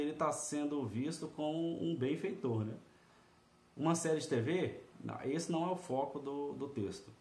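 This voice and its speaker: A male exam-prep tutor talks through practice questions in a relaxed, conversational way, often checking in with tag questions. His voice sits at a middle pitch, and the recording carries the noticeable echo of a bare room. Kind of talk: casual video lesson walking through a practice test. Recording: echoey room.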